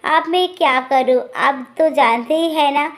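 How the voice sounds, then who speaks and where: A woman's voice: high voice, measured pace. A woman voicing a food-loving young village wife who talks sheepishly and pleads.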